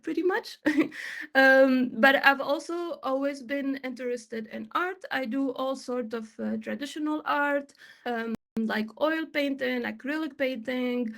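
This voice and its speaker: A Tunisian XR developer in her twenties presents her work on an online panel, upbeat and chatty with many fillers. Her voice is high and fairly bright, with vocal fry.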